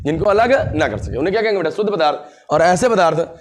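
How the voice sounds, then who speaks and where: A man's voice: a little high, lively intonation, quick pace. A man teaching an online science class, asking the students questions and answering them himself, and fondly calling them "beta" and "my child". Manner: call-and-response questioning, answers own questions; affectionate, calls students "beta" and "mera bachcha".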